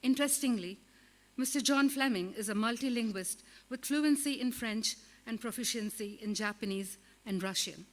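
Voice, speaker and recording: A woman's voice: a little high, normal speed, slight background noise. A woman acting as emcee, formally introducing a guest at a conference. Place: large conference hall. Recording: hall reverb.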